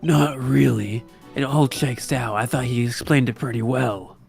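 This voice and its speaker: A man voicing a dry, sarcastic young male investigator in an improvised comedic fan dub, deadpan and teasing. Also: mid-range voice, unhurried, vocal fry, faint music behind.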